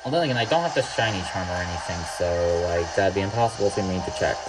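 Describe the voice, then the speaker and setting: A young Mexican gaming YouTuber gives casual, rambling let's-play commentary, drifting off topic and swearing freely. His low-pitched voice is animated and quick, and the rough recording has loud game music behind him.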